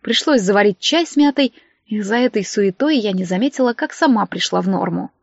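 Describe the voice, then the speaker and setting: A woman narrating a first-person audiobook in a steady, measured storytelling manner. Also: medium pitch, creaky, dry recording, dull audio.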